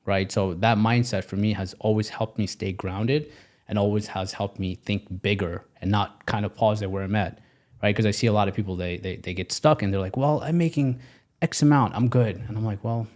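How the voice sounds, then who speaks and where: A Pakistani man in his twenties, guesting on a podcast, speaks in a lowish, slightly mellow voice at a moderate pace. His casual interview talk is energetic and emphatic, and he often repeats his phrases.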